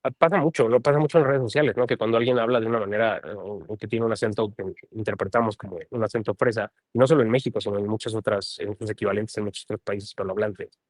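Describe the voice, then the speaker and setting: Low-voiced Mexican man, thoughtful. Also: steady tone, fast, no echo. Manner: thoughtful, hedging, often adds a questioning tag. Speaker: translator and guest. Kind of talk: casual conversation.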